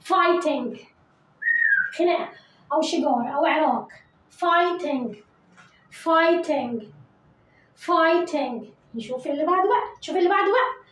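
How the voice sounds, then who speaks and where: A woman with an Egyptian Arabic accent teaching English vocabulary to children, repeating each word slowly and coaxing pupils to say it after her. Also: high-pitched, fairly bright tone, reverberant, poor audio.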